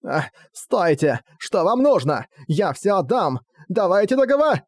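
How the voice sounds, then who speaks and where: Narrator doing a groveling diplomat guy, stammering, pleading, kinda high and strained. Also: big pitch swings, slow, no room sound, heavily acted. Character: cowardly male diplomat begging for his life.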